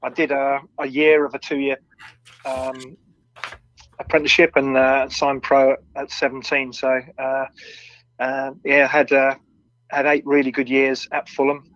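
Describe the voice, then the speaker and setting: A man's voice: mid-range voice, monotone, measured pace, a bit bright, no room sound, lo-fi sound. A middle-aged man from southern England, born in Wales, recalling his career in a casual interview, hesitant and often repeating words, on an audio-only internet call. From born in Swansea, brought up around Reading, England. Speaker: former professional footballer, interview guest. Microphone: audio-only online call.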